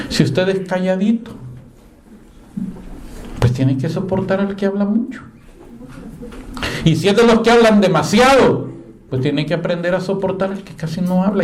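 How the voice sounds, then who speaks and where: A man preaching a sermon in a conversational way, telling stories and moving between hushed and animated delivery. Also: fairly high pitch, noisy background. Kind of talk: sermon with storytelling.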